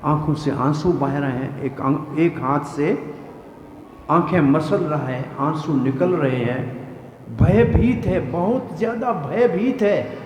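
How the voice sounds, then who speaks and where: A high-voiced man delivers a devotional scripture discourse, unhurried and deliberate, bringing each scene to life as he explains the verses. His voice rings through a large hall with a long, roomy reverb, and a faint hiss sits underneath. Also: darkish tone. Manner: vivid storytelling that acts out scenes and explains verses. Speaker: preacher. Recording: echoey hall with faint noise.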